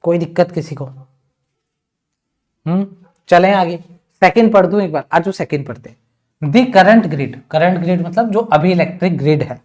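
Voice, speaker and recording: A man with an Indian accent teaching an online exam-prep lesson. He reads English passages slowly, explains each word in Hindi, and teases his students with rhetorical questions. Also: high-pitched, a little mellow. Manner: chatty and teasing, with many rhetorical questions.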